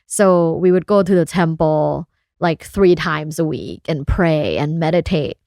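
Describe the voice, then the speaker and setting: Frank woman from Thailand, lowish voice. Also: unhurried, gravelly, a little mellow, no echo, clean studio sound. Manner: frank and open, laughs often. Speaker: guest, sex researcher. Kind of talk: casual interview chat.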